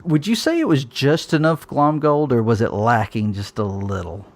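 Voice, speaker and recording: A man's voice: medium pitch, lively intonation, normal speed, dry recording. A man hosting a casual podcast, chatty and loose with frequent fillers. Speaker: podcast host.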